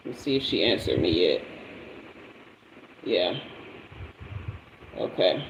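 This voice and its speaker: A woman in her fifties reads tarot on a casual livestream, speaking in a very deep, sing-song voice at a slow pace. She's chatty and playful, greeting viewers, asking for emojis, and drifting away from and back to the mic. The audio is poor, with a little hiss or hum.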